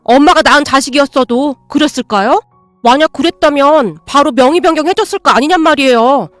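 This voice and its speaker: A woman reading the part of a grasping grown son in a storybook radio tale, his voice high-pitched and loud as he argues combatively and whines for what he wants. The sound is close and dry with faint music behind. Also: fairly quick, dry recording, natural voice. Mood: demanding. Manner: whiny, combative, raises voice. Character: pushy young adult son demanding property.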